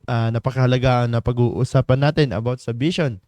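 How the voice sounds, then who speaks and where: A man hosting a morning church devotion livestream in a studio, chatty, laughing often and filling pauses. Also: medium pitch, fairly even intonation, a little mellow, dry recording. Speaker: devotion leader and livestream host. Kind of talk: casual livestream greetings and devotional talk.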